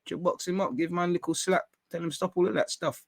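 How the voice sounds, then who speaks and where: A young man, hosting a football talk stream in a rambling, slangy, excitable way. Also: high voice, fast talker, creaky, no echo. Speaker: football channel host. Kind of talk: casual livestream chat.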